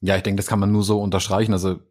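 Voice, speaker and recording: A man's voice: low voice, level tone, rapid-fire, darkish tone. A man in a casual talk, explaining photography tips in a thoughtful way. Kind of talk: casual conversation about photography.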